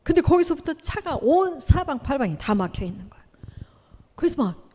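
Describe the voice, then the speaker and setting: A woman missionary gives a lively testimony sermon, her voice high but warm and mellow. She tells the story with flair, acting out what each person said. The sound rings with the long reverb of a church hall. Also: normal speed. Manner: animated storytelling, acting out dialogue with gasps. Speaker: missionary preacher. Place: church sanctuary.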